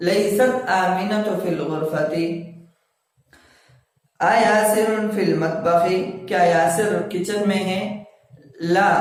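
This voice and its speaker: A man teaching a language lesson, explaining grammar step by step and reading example sentences slowly, asking questions and answering them himself. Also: high voice. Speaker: Arabic teacher. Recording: echoey room, voice from a distance.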